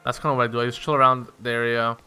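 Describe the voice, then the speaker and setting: A man's voice: medium pitch, flat delivery, racing, sharp tone, clean tone. A young man casually telling a rambling, profane story while he plays a game. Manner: rambling, profane, filler-heavy.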